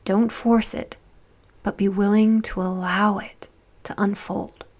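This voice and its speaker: A woman guides a visualization in a soft, soothing, unhurried voice, letting her phrases end on a breath and leaving long pauses. Her voice is mid-range and her delivery stays flat.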